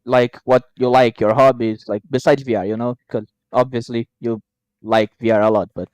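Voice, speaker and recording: A friendly Brazilian man co-hosts a casual podcast, chatting freely and chiming in with quick agreement. His voice is mid-pitched and recorded dry. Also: fairly even intonation, darkish tone, clean tone, no room sound. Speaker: podcast co-host. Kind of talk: casual interview chat.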